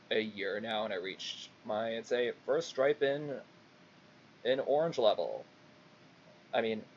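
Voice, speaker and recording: Young male VTuber, casual and halting solo stream chat, sweary, muffled lo-fi mic with light noise. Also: on the low side, darkish tone. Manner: halting, rambling, frequent swearing. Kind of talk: casual livestream monologue. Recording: dull lo-fi mic, faint background noise.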